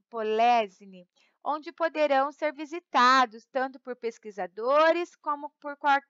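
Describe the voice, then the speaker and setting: A Brazilian Portuguese woman teaching a recorded lesson, her voice high and bright. She explains patiently, repeating words and checking that students follow. The sound is dry and a little dull, close to the mic. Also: no echo. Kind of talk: recorded remote class lesson.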